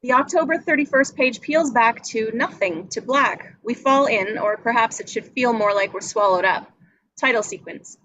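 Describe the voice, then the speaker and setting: Reading a screenplay's action lines as narration at a table read, a woman speaks with a fairly high, bright voice and a forceful tone at normal speed. The recording is dry and muffled, with noticeable background noise.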